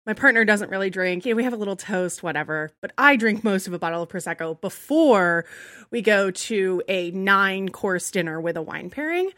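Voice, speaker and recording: Bright-voiced woman telling a funny story. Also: mid-range voice, a little fast, no echo, clean studio sound. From United States. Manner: animated storyteller, laughs often. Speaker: podcast co-host.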